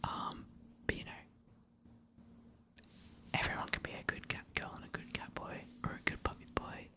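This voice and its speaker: An ASMR creator whispers answers to subscriber questions at normal speed, sounding soft, hesitant, and apologetic.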